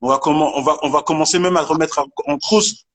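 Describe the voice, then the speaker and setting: A man from Congo with a notably high voice debates live over a call. He is emphatic and insistent, and he restarts his sentences often. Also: steady tone, quick pace, a bit bright. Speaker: debate participant.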